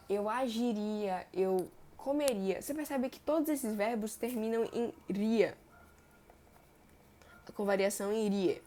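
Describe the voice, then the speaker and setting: A young woman, teaching verb tenses in a chatty way and stretching example words slowly. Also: mid-range voice, mellow, a little hiss or hum. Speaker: Portuguese grammar teacher. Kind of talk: explaining verb tenses on a board.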